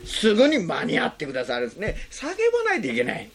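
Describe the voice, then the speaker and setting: A pastor delivers a sermon with an extremely animated, swooping pitch. The preacher keeps putting questions to the listeners and drops short tag words between phrases, drawing out key words and then hurrying through the explanations. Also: faint music behind. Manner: rhetorical questions to the congregation; slows on key phrases, speeds up when explaining.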